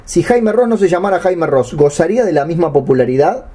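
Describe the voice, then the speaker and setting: Argentine man, rioplatense accent, podcast co-host, dry short retorts, mellow husky voice. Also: on the high side, animated, fairly quick. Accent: Rioplatense Spanish. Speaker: podcast co-host reading listener questions. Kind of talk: comedic podcast banter.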